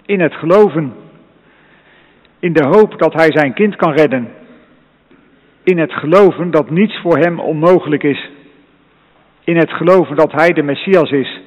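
A man preaching a sermon in a solemn, measured way, repeating his phrases. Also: a little high. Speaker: pastor. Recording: long reverb, dull lo-fi sound.

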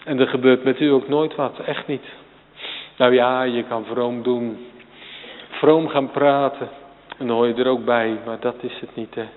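Slow, echoing preacher on a tinny line. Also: male voice, mid-range voice, steady tone. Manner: emphatic, swings from quiet to sudden loud peaks; addresses congregation and children directly. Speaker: pastor. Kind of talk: sermon. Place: church. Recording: tinny phone-like sound, long church reverb.

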